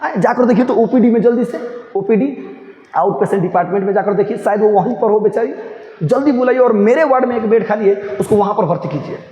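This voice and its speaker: A man reading out the lines of a stern senior doctor who is shouting orders in outrage. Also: sits high, fast talker, lo-fi sound, lightly acted. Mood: urgent. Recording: echoey hall, faint noise.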